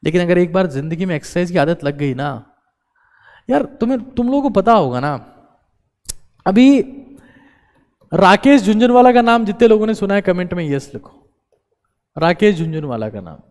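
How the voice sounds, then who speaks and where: A motivational speaker urges his viewers on, repeating key phrases and mixing in English, against a long reverberant echo. His voice sits high and sounds expressive and darkish, and he talks briskly.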